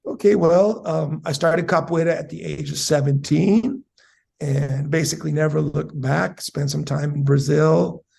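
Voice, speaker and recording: Gravelly, slightly high man in his forties from San Diego, a guest who explains things with an academic manner and many fillers. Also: fairly even intonation, measured pace, darkish tone. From South San Diego, USA. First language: Spanish and English. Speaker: capoeira master, guest. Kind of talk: casual interview answers.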